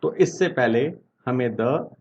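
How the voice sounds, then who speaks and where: A man teaching an English grammar lesson in Hindi. He reads English example sentences slowly and deliberately, and he asks and answers his own questions. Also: mid-range voice, expressive, a little mellow, muffled recording, a little hiss or hum.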